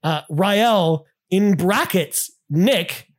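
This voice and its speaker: A man's voice: sits high, very slow. A man co-hosting a casual gaming podcast, reading out listener comments with lots of enthusiastic restarts. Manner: enthusiastic, many restarts and "I mean". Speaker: podcast co-host.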